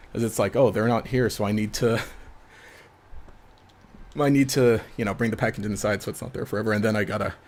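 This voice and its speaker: A man's voice: fairly low pitch, slight background noise. A man casually commenting on his own gameplay during a live stream, rambling, laughing often and trailing off mid-sentence.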